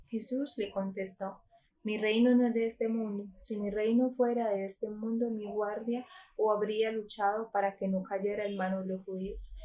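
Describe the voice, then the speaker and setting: A woman from Colombia reading a Gospel passage aloud in a calm, measured way, with a few small slips. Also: medium pitch, rough recording. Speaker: scripture reader.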